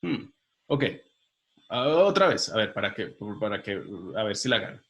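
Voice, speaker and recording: A man's voice: lowish voice, sing-song, moderate pace, a bit bright. Man explaining step by step. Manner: explains step by step, quizzes viewers directly. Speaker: linguistics teacher. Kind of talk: video lecture.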